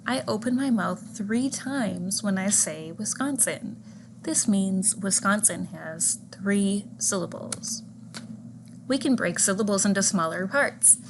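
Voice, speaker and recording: A woman delivers a scripted lecture in a measured, clear voice of middling pitch. She slows down to spell out example words and single sounds. A steady hum of noise sits behind her voice in the recording. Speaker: teacher educator. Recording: audible background noise.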